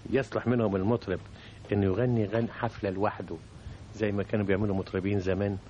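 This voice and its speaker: A man's voice: low-pitched, darkish tone. A man with an Egyptian accent hosting a radio interview, pressing his guest with probing questions. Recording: dull old radio recording with faint hum.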